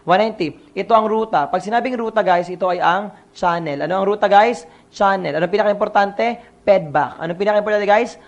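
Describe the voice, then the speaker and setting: Gravelly Filipino-accented male teacher. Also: high-pitched, a little fast, highs cut off. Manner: drills questions and answers, mixing in English. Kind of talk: exam review lecture.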